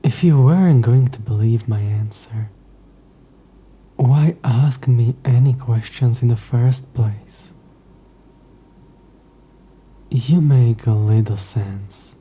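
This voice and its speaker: Slow and mid-range, a man's hushed, breathy voice brings a scripted audio roleplay's ancient demon to life: haughty and possessive. He sounds grudging and curt, his formal words dry and condescending.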